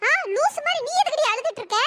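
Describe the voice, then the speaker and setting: A woman voicing a brash young female best friend who scolds bluntly, in a cartoon story with a pitch-raised voice. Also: lively intonation, fast, fairly bright tone. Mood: scolding.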